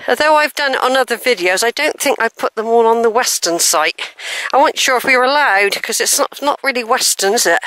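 Walking through hilly open country, an older woman talks chattily to her handheld camera, rambling and correcting herself along the way. She speaks fairly quickly in a fairly high, slightly bright voice with lively intonation. The recording is rough, with slight background noise.

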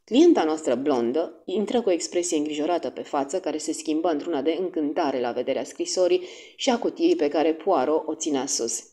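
A woman narrating a classic detective story as an audiobook, in expressive first-person storytelling. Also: deep voice, hardly any pauses.

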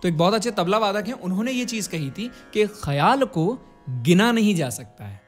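A man teaching classical singing in a high, very animated voice that climbs and dips freely. He explains patiently, poses rhetorical questions and slips into brief sung examples, with faint music playing behind him. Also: moderate pace. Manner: asks rhetorical questions to the student.

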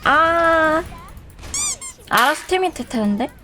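A woman's voice: high voice, animated, slow, sharp tone, faint music behind. A young woman streaming a game, chatting playfully and teasing her viewers and teammates. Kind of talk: live game streaming chat.

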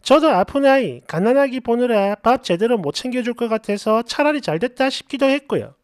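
A woman reads a reader's story aloud in the first person, acting out the quotes with feeling. Her pitch rises and falls in lively swings. The recording is close and dry. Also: brisk, dry recording. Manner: expressive, acts out quoted lines. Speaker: story narrator. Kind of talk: dramatic reading of a reader's story.

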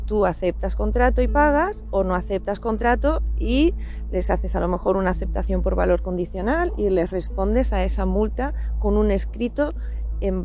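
Earnest woman explaining, mellow voice. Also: medium pitch. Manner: earnest, many rhetorical "¿no?" tags. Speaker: channel host. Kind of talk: explanatory talk to camera.

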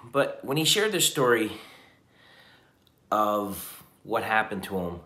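A man's voice: on the low side, expressive, slow pace, bright, forceful tone, reverberant. Tired fifty-something man vlogging from a hotel room. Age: 50s. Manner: reflective, earnest, with frequent restarts. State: tired at the end of a long day. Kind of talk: casual vlog talk to camera. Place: hotel room at night, indoors. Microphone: camera on a table at arm's length.

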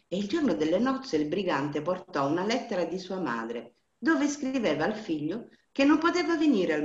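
Expressive woman telling a fairy tale. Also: fairly low pitch. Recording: dull lo-fi roomy recording.

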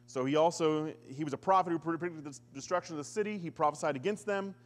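A man preaching a sermon as a pastor, conversational with touches of humor and animated scripture quotes. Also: fairly high pitch, fast. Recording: church hall with long reverb.

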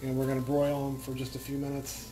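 A man's voice: medium pitch, monotone, quick pace, noisy background. A man hosting a home cooking video, chatting casually with many fillers and restarts. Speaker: cooking channel host.

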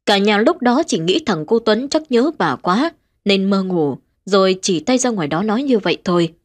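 A woman tells a ghost story in a steady, measured voice. Her pitch sits in the middle of the female range, and her delivery stays even and deliberate from line to line. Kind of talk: scripted ghost story narration.

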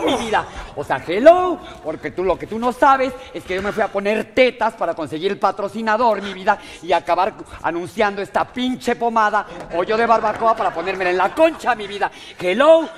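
Playing a vain, dramatic blonde actress in a live comedy sketch, a woman with a Mexican Spanish accent huffs like a diva and gushes campily, sprinkling in "mi vida" and "hello." Her mid-range voice is lively in intonation, fairly quick, and close to everyday speech, in a large hall with slight background noise.

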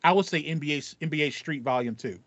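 This podcast co-host, a man in his thirties, talks fast in a slightly high, somewhat bright voice during casual video game chat, repeating himself for emphasis. He joins by video call from a small home room lined with foam panels, and the slightly dull, band-limited recording has no room sound.

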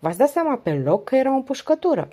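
A woman's voice: high voice, big pitch swings, mellow, voice pushed up. A woman reading the part of a patient male police commissioner who asks short, pointed questions. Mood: probing.

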